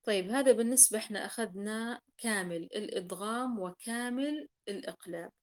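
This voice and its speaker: Woman teacher going over recitation rules, patient, repeats stuff, mid-pitched voice. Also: fairly quick. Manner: patient, repeats key points and sounds out examples. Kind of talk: explanatory class lesson.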